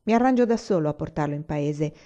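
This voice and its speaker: Padre pioniere preoccupato e protettivo, letto da una donna; tono serio, registrazione un po' spenta. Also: male voice, on the high side, lively intonation, quick pace, warm tone, natural voice. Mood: calm. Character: worried pioneer father, steady and protective. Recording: slightly dull lo-fi recording.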